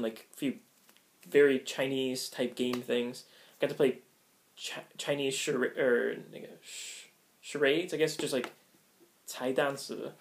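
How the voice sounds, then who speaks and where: A young American man telling a story casually, rambling with many fillers and frequent laughs. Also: a little high. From United States. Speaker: vlogger.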